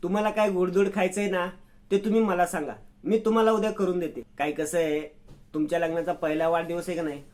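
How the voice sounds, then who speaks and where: A man doing a cheerful household woman from a retold serial who chatters along eagerly. The voice is high and close to the narrator's own. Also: little pitch movement, quick pace, a little mellow, close to an everyday voice.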